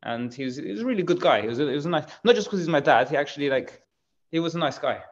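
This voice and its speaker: A man's voice: fairly high pitch, animated, rapid-fire, highs cut off. A man, talking casually in an interview and explaining things in a rambling way with lots of fillers. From England. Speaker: bakery managing director.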